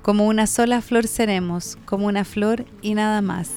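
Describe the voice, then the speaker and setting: A woman's voice: medium pitch, fairly even intonation, normal speed, a little mellow, faint music behind. A Chilean woman hosting a radio show, chatting casually and affirming her co-host.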